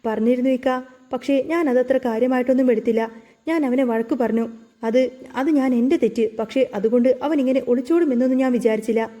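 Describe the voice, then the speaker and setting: A woman's voice: high-pitched, steady tone, brisk, mellow. A woman voicing a mother who sobs and laments over her son. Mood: lamenting. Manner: sobbing, lamenting. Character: grieving sobbing mother.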